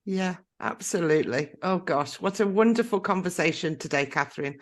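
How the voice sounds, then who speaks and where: A woman's voice: lowish voice, expressive, normal speed. A woman hosting a podcast interview, encouraging and openly emotional with her guest. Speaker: podcast host.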